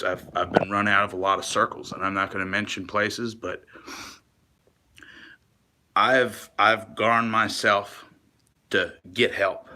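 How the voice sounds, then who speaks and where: A man with a low, tense, forceful voice talks straight to camera in a long, rambling monologue. He is earnest and confessional, stumbling over words, restarting sentences and dropping casual swears.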